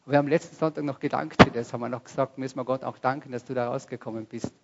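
A man's voice: mid-range voice, steady tone, rapid-fire, vocal fry, highs cut off, very noisy. A man preaching a sermon to a congregation, speaking conversationally and asking the listeners questions directly. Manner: rises to loud bursts when quoting cries. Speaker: pastor. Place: church service before a congregation.

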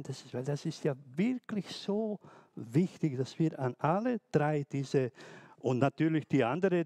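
A man who is not a native speaker delivers a sermon in a slightly high voice, working through his words slowly. He halts and restarts often as he searches for phrasing. The recording is dry and close, with no room sound. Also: warm tone, no room sound. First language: not German. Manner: slow, halting, with many restarts and hesitations. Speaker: preacher.

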